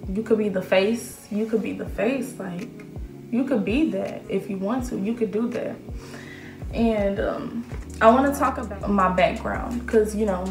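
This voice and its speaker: Her medium-pitched voice has a roomy sound to it. She's an aspiring model vlogger, nineteen years old, chatting confidently and filler-heavy through a casual Q&A video from a small room indoors.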